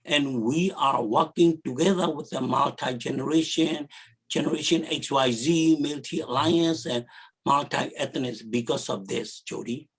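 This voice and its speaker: A man's voice: mid-range voice, unhurried, a bit bright, breathy edge. A man from Burma, an activist guest on a video call, making an earnest, urgent appeal in plain English. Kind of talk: advocacy appeal on a virtual panel.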